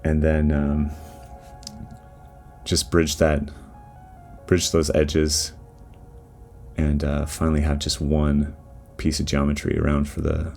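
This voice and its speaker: A man with a very low voice talks through his 3D modeling process in loose, rambling commentary, stopping often to restart his thoughts. Faint music plays quietly behind him. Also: slow, vocal fry, pauses often. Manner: relaxed, rambling, with many fillers and restarts. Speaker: 3D artist giving commentary. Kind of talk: casual voice-over commentary on a modeling timelapse. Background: faint background music.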